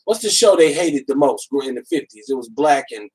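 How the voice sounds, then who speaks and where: High-voiced, rambling man hosting. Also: animated, a little fast, darkish tone, husky. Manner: rambling, enthusiastic talk, searching for names. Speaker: podcast host. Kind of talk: casual podcast chat. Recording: voice a bit far from the mic.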